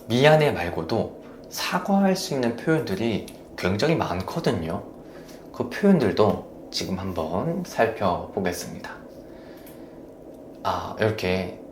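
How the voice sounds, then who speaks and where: Man, low-pitched, gentle and encouraging host, echoey room, faint hiss. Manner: gentle, encouraging, praises viewers often. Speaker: marriage coaching host. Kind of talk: live-stream talk reading viewer comments.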